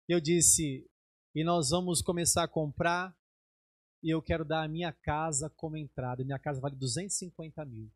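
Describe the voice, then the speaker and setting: A man's voice: normal speed, husky, dry recording, studio quality. A middle-aged Brazilian man preaching as a bishop, telling a personal testimony and acting out the dialogue in a raised voice. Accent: Brazilian Portuguese. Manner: animated storytelling, acts out dialogue in raised pitch. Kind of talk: sermon testimony.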